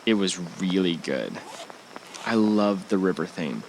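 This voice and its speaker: A man acts an affectionate, reassuring young husband in an amateur audio drama, speaking naturalistically in a casual, slightly hesitant, relaxed way. His voice sits low, expressive and darkish, and a little slow. The low-quality recording carries slight background noise.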